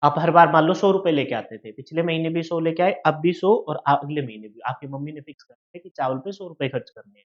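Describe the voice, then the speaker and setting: A man's voice: fairly high pitch, brisk, few pauses, lo-fi sound. A man with a Haryanvi-tinged Hindi accent teaching an exam-prep maths lesson, explaining with everyday shop scenarios and asking his students questions.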